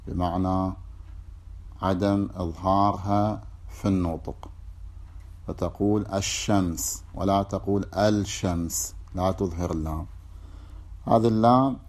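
A man with an Iraqi Arabic accent giving a methodical lecture on religious law, repeating examples and contrasting right and wrong pronunciation. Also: low-pitched. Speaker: religious teacher.

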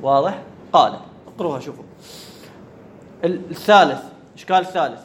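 A high-pitched man teaches a grammar class. He keeps asking whether the point is clear and repeats key words. Faint noise sits under the recording. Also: animated, fast. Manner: asks students questions and repeats key words. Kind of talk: classroom lecture.

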